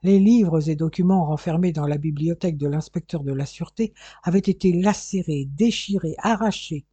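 A man narrates a detective novel with steady, measured reading. His voice is very dark and somewhat husky. The recording is dry and close. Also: a little high, no room sound. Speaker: audiobook narrator.

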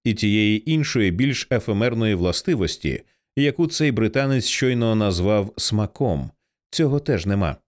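Audiobook narrator: male, lowish voice, animated, measured delivery. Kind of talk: scripted narration.

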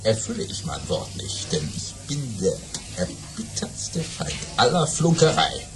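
An actor playing a boastful, excitable baron telling tall tales in a radio play, bombastic and repeating words for emphasis. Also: male voice, mid-range voice, a little slow, background noise. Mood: confidently bragging.

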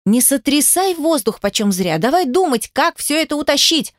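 A woman's voice: high-pitched, big pitch swings, moderate pace, dry recording, studio quality, pitched above the performer's own voice. A woman voicing a blunt, practical elderly woman in an audiobook. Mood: pragmatic. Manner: blunt, down-to-earth. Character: practical old granny, blunt and level-headed.

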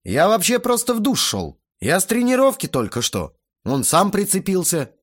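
A man's voice: high-pitched, wildly swooping pitch, normal speed, voice pushed up, heavily acted. A man voicing an insolent teenage boy who talks with sugary sarcasm, in an audiobook. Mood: mocking. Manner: sarcastic, mockingly sweet.

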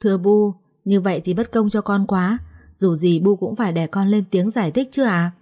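A woman storyteller voicing a gentle but firm young bride who speaks politely and with restraint. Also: mid-range voice, normal speed, natural voice.

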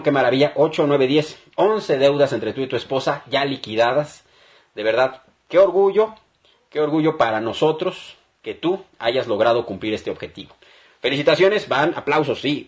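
Upbeat, encouraging Mexican man as call-in radio advice host, mid-pitched, repeats himself for emphasis. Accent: Mexican Spanish.

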